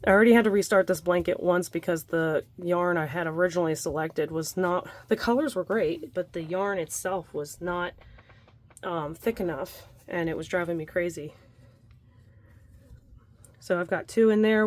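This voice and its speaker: A young adult woman with a fairly low voice leads a casual crochet tutorial from a room by a window at home, talking at a normal speed. She's chatty, laughs often, and breathes heavily from the effort.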